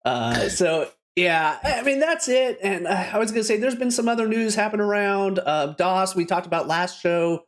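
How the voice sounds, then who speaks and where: Canadian guy hosting a game podcast, upbeat, laughs a lot, slightly high voice. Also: expressive, moderate pace, hardly any pauses. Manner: upbeat, laughs often, loose restarts. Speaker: podcast host. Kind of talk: casual podcast chat.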